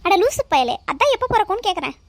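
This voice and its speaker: A woman's voice: very high voice, big pitch swings, fast talker, creaky, no room sound, voice pushed up, exaggerated voice. A woman voicing a nosy, blunt middle-aged uncle in a cartoon, teasing and insulting his nephew with pushy questions. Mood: needling.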